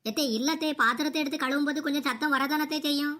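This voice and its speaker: A woman's voice: high voice, steady tone, quick pace. A woman voicing a patient, submissive young daughter-in-law in a cartoon comedy. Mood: apologetic. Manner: soft, apologetic, pleading.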